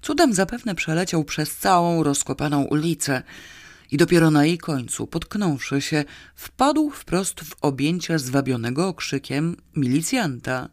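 Audiobook reader, unhurried and expressive, dry close sound. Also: medium pitch, dry recording. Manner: slow, measured, expressive reading. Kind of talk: audiobook narration.

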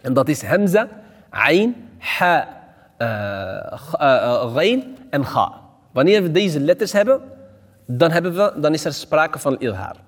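Man, imam teaching recitation, high voice, slow and deliberate, chants examples, long hall reverb. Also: big pitch swings. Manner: patient, repeats and contrasts correct and wrong pronunciations. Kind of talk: Tajweed lesson with recited examples.

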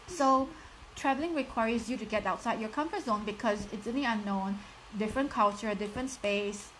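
A woman in her thirties, strongly Singaporean-accented, coaches her viewers through a live motivational talk, speaking to them directly and encouragingly with many "like" and "you know" fillers. Her fairly high, slightly bright voice moves at normal speed, and the low-quality recording has a little hiss or hum.

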